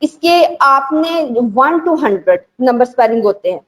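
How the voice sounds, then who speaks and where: A woman with a notably high voice leads a teacher-training session, speaking patiently and slowly. She repeats and spells out examples and slips into English phrases as she explains. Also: lively intonation, poor audio. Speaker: teacher trainer and school owner. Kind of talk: instructional talk to teachers.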